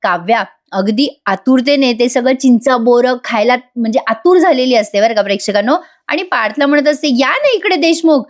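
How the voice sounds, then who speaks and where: A woman's voice: fairly high pitch, fairly quick, few pauses. A woman narrating a voice-over recap of a TV serial, retelling scenes. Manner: animated retelling, acts out character lines.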